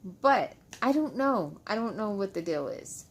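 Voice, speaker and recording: A woman's voice: mid-range voice, sing-song, a little slow, slightly rough. A woman chatting casually to followers in a frustrated, repetitive way, close to the mic, with the speech of someone wearing loose dentures without adhesive. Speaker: vlogger. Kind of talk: casual storytime chat to followers.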